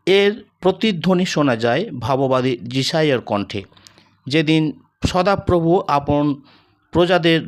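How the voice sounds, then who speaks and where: A man preaching a scripted devotional sermon in a measured, solemn way, slowing down for emphatic lists. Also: fairly high pitch.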